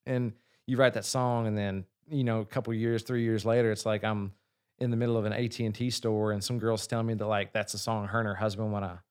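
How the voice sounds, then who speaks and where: A man, a singer, telling a long story in casual chat, with frequent swearing and lively asides. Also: fairly low pitch, fast talker, clean tone. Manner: profane, animated storyteller. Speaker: singer and guest.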